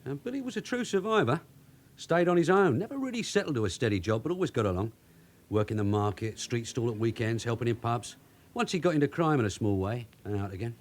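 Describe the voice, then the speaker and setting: A male actor with a London accent plays a streetwise, bossy detective sergeant in a radio drama, talking brisk, colloquial, and teasing. His medium-pitched voice is natural and animated, his mood matter-of-fact.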